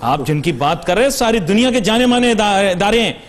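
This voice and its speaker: A man's voice: sits high, animated, a little fast. A man from Pakistan hosting a TV business talk show, who needles his guest with sarcastic, provocative challenges.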